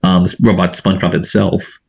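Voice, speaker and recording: A man with a low voice co-hosts a gaming podcast. He walks through how games are built in a calm, step-by-step way that sounds carefully thought out. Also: normal speed, vocal fry. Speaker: podcast co-host. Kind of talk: casual gaming podcast chat.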